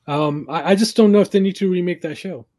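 A man co-hosting a casual chat, teasing his partner and pausing often as he thinks. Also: sits high, warm tone. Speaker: co-host.

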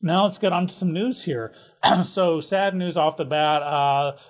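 A man's voice: fairly high pitch, a little slow. Chatty man reading local listings. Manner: chatty, jokey, with asides. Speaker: local events host. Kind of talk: casual community calendar rundown.

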